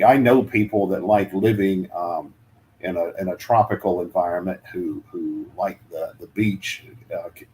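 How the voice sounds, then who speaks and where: Low-voiced hesitant man, faint noise. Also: mellow. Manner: hesitant, many fillers and restarts. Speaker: guest, relocation adviser. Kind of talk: casual chat.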